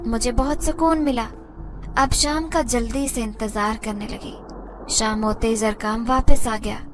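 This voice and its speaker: A woman telling a first-person horror story in a steady, dramatic voice. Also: a little high. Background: faint background music.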